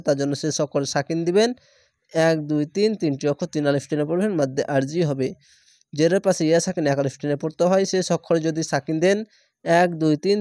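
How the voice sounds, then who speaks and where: A man leads a Quran reading lesson, spelling each syllable slowly before joining the words into drawn-out recitation. His voice sits somewhat high but sounds mellow and dark. The recording is dry and close, with no room sound. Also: no room sound.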